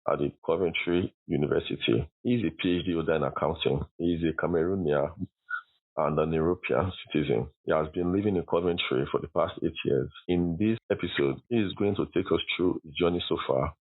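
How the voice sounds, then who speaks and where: Low-voiced podcast host, formal delivery. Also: male voice, a little fast. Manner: formal, reads a prepared introduction. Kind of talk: scripted introduction and interview questions. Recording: muffled lo-fi sound.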